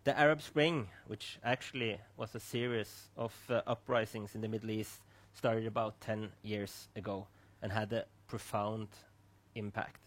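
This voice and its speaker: A man's voice: lowish voice, steady tone, moderate pace. Formal male host opening an event. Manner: formal, scripted introduction with small restarts. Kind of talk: moderating a panel talk. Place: online streamed event.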